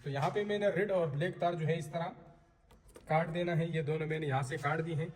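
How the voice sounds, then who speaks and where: Working at an installation site, a man walks viewers through his job step by step in a casual tutorial, often repeating points. He speaks a little fast in a slightly high, darkish voice with a steady tone, with on-location background noise clearly audible.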